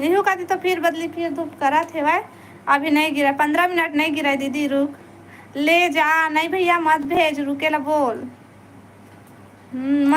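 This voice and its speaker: High-voiced Chhattisgarhi woman live-streaming. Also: fairly bright tone, slight background noise. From Chhattisgarh, India. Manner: pleading, coaxing viewers to stay and like. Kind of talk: casual live-stream chat with viewers.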